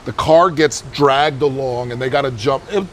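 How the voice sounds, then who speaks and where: A man's voice: mid-range voice, moderate pace, slight background noise. A man venting bluntly about a movie in a casual chat outdoors, swearing and complaining freely. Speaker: movie reviewer.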